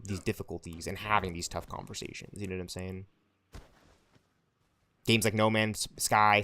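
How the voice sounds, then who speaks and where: A man in his twenties speaks on the low side, with a clean, slightly bright tone. Streaming a game, he rambles passionately to his viewers and punctuates his lines with "right?" and "you know what I'm saying?".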